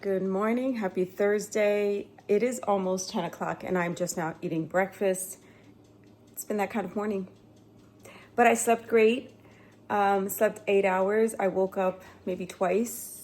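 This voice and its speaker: A woman's voice: mid-range voice, steady tone, measured pace, darkish tone, rough recording. A middle-aged woman with a cold, chatting upbeat and straight to camera in a casual vlog. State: sniffly with a cold. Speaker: lifestyle vlogger.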